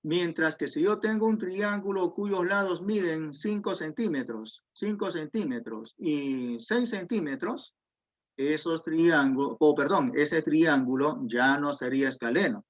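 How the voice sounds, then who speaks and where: Slow, high-voiced math teacher. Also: male voice. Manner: patient, explains step by step, asks students questions. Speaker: secondary school math teacher. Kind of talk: online geometry class. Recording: dull lo-fi audio.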